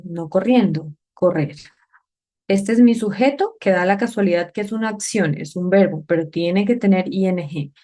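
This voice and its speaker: At a whiteboard, a woman leads an English grammar lesson, explaining each step, asking questions to check understanding, and pronouncing the English examples slowly and carefully. Her voice is lowish and a little mellow.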